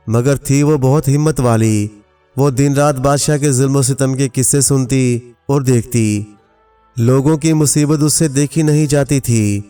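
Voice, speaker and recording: A man reading a scripted folk tale aloud as a storyteller, in a steady, even manner, quoting each character without changing his voice. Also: mid-range voice, smooth. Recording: narration from a distance over faint music.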